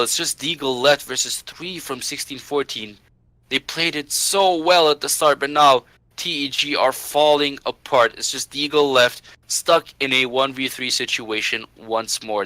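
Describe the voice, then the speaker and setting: A man doing live play-by-play as an esports caster, excitable and building suspense as the action unfolds. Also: mid-range voice, dry recording.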